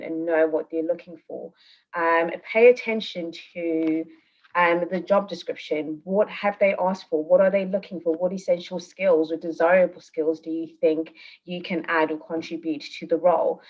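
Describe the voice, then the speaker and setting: A woman with a very low, level voice gives advice on applying for jobs. The sound is dull and lo-fi, like a video call. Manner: measured, advice-giving, many ums. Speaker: panellist, recruiter who reads applications. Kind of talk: online careers panel talk.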